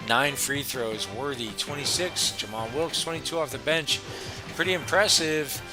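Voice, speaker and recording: A man's voice: mid-range voice, moderate pace, music in the background. A man casually commenting on a basketball video game, laughing often and rattling off player stats. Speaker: gaming channel host.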